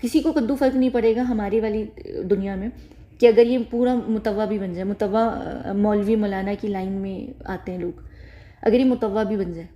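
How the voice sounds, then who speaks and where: Woman vlogger, casual rambling delivery, warm dark tone, often restarts sentences. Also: a little high. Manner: rambling, repeats phrases, frequent self-corrections. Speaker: YouTube commentator. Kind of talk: casual spoken commentary to camera.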